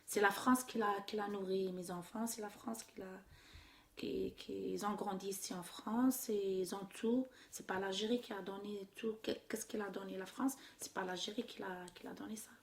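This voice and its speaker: A middle-aged woman from Algeria, answering interview questions haltingly, with many restarts and trailing off softly. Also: medium pitch, fairly even intonation, vocal fry. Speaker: interviewee, immigrant mother. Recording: echoey room with faint noise.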